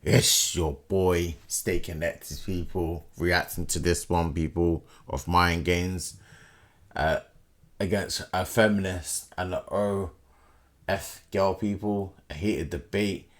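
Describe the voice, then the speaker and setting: A man's voice: sits low, fairly even intonation, slow. A man hosting a reaction video, chatting casually and calling on viewers again and again. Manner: repetitive, keeps addressing viewers as people.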